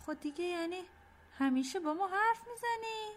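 A woman's voice: very high-pitched, expressive. Pleading young boy. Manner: whiny, pleading. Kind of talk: audio story acting.

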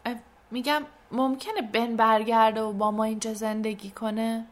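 A woman's voice: steady tone, close to an everyday voice. A woman doing a distraught little girl. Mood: wondering. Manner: crying out, higher and louder than the narration. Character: upset little girl, grieving and stubborn.

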